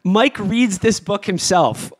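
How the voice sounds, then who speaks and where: Higher-voiced man hosting a podcast. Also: slow. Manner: jokey, drives the segment. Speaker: podcast host. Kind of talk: casual podcast banter.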